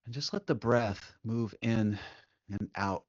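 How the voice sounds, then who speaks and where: A man with a fairly low pitch guides listeners through meditation, gentle and soothing, with short instructions and long pauses. The sound is lo-fi with no room sound.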